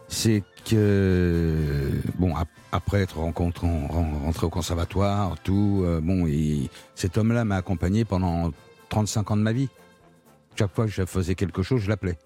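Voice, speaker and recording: A man who is an actor, being interviewed on the radio and answering in a halting, reflective way. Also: low-pitched, mellow, soft background music. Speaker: guest actor.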